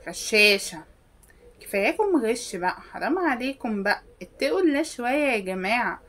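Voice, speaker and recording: An Egyptian woman rants to the camera in a comic monologue. She is sarcastic and scolding, and her voice sits slightly higher than most. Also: sing-song, quick pace. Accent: Egyptian Arabic. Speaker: comedy sketch creator.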